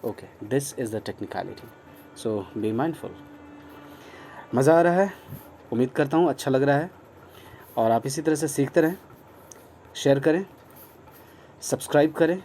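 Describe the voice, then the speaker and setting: A man's voice: medium pitch, a little slow, long pauses, dark tone, a little hiss or hum. A man from India with an Indian accent, teaching English vocabulary in a mix of Hindi and English, spelling words out letter by letter and repeating them encouragingly. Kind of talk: online vocabulary lesson.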